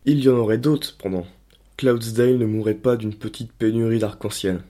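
A man narrating a dark story in a steady, dramatic reading voice. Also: lowish voice, normal speed.

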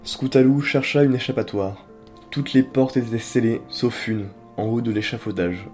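A man narrating a dark story in a steady, dramatic reading voice. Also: medium pitch, normal speed, soft background music.

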